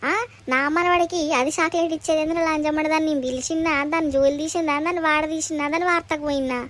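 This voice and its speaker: Woman doing a shrill old Telangana granny. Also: steady tone, racing, fairly bright tone. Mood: abusive. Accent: Telangana Telugu. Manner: shrill cursing tirade. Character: old village mother-in-law, foul-mouthed, fierce.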